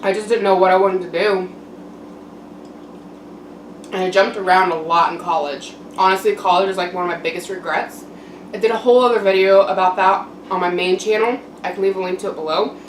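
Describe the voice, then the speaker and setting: A woman's voice: medium pitch, steady tone, fairly quick. Young woman vlogging, distant and echoey. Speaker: mukbang vlogger. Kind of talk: casual personal monologue to camera. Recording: roomy echo, distant mic, background noise.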